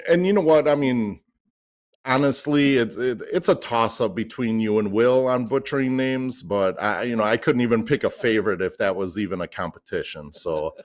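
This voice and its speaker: A man's voice: medium pitch, normal speed, no echo, studio quality. A man co-commentating on a darts match in a casual, folksy, self-deprecating way. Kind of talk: casual chatty sports commentary.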